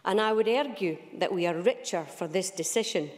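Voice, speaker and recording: Speaking at a moderate pace with real animation, this Scottish MP gives a formal address rich in Scots vocabulary. Her mid-range voice has a slightly dark color, echoing with the long reverb of the big debating hall.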